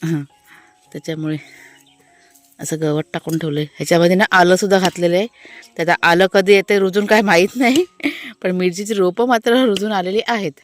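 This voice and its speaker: A woman's voice: on the low side, steady tone, fairly quick, soft background music. Chatty woman vlogging in her garden. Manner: chatty, explains as she shows things. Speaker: family vlogger. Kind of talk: casual vlog walkthrough talking to viewers. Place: outdoors in a home garden.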